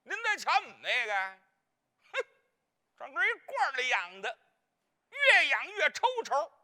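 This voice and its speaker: Performer doing a chatty clown auntie from a peking opera, beijing accent, high voice that swoops all over. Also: huge pitch swings, measured pace, bright, forceful tone, full character voice. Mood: gossipy comic. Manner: rambling, bumbling, fumbles names. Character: comic gossipy married woman, elder sister of the hero. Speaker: clown role in a staged opera. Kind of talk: comic spoken monologue in Peking opera.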